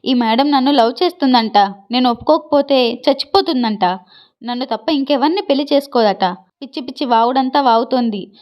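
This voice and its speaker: A woman's voice: high voice, a little fast, a little mellow, lightly acted. A woman voicing an angry, sarcastic young man in a read-aloud love story, blunt and scolding. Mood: scornful. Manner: scornful, mocking. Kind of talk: storybook reading.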